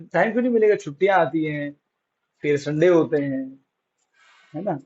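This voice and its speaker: A man teaching physics to a class, with a fairly high voice. He keeps asking questions, then answers them himself in a coaxing way. The classroom recording sounds dull and lo-fi. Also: normal speed, darkish tone, slightly rough. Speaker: science teacher.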